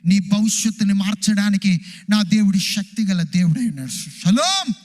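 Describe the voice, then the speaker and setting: Man, pastor, sermon, emphatic, rhetorical questions, high voice. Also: animated, moderate pace, darkish tone. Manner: emphatic, rhetorical questions, big pitch swings.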